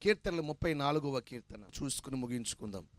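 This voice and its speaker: A man's voice: medium pitch, animated, fast talker. A man preaching a sermon with fervent emphasis, asking the congregation to answer back. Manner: fervent, emphatic preaching that swells to loud declarations; asks the congregation for responses.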